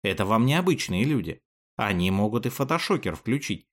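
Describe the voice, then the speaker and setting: A man narrating a children's storybook in an expressive, animated way. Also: fairly low pitch, a little fast.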